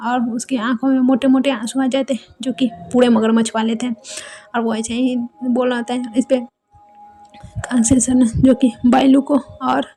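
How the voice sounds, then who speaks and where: A woman retelling a fan story in a chatty, loose way, dropping in fillers as she goes. Her voice is high and mellow, and she keeps it on a flat, narrow melody. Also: moderate pace, soft background music. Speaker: story narrator. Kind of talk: casual storytelling narration.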